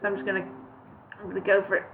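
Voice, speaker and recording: A woman reads a story aloud on a casual live stream, chatty and apologetic, stopping often for hesitant fillers. Her voice sits at an ordinary middle pitch. It comes through a narrow, tinny, phone-like channel. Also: flat delivery, very fast, a little hiss or hum.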